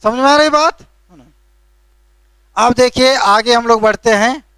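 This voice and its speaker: A male teacher lectures a classroom in a very high, bright and forceful voice. His tone is smooth and resonant, and the sound is dry and close. He explains patiently but scolds lightly, and keeps checking in with a tag question after each point. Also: unhurried, no echo.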